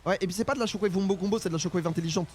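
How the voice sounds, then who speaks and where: Young male esports caster, high voice, talks fast, excitable live commentary. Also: a little hiss or hum. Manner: fast, excitable, frequent exclamations.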